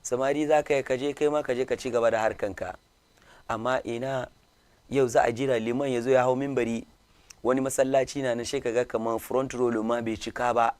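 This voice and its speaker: A man hosting an interview, preaching in Hausa before calmly questioning his guest and repeating her answers back. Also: medium pitch, fast, smooth, no room sound. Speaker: host. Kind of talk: radio interview, opens with Hausa sermon.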